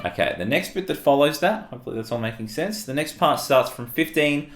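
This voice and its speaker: An Australian man teaching a guitar solo in a relaxed, explanatory way, counting notes aloud. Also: fairly high pitch, a little fast. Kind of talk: guitar lesson walkthrough. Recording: roomy sound with loud guitar music.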